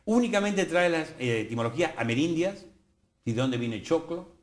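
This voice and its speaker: A man's voice: on the high side, normal speed. Older Argentine man, professorial, roomy studio. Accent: Argentine Spanish. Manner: professorial, lively, playful asides. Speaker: guest, academy president. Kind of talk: explanatory TV studio conversation.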